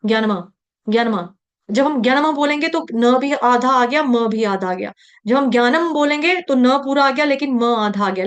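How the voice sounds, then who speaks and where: High-voiced patient woman teaching recitation. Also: clean tone. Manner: patient, repeats each syllable slowly, chants verses. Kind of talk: slow syllable-by-syllable pronunciation lesson.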